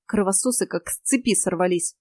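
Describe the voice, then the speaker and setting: A woman's voice: mid-range voice, brisk, a little mellow, dry recording, clean studio sound, natural voice. A woman voicing a grumbling, fussy male fox in an audiobook.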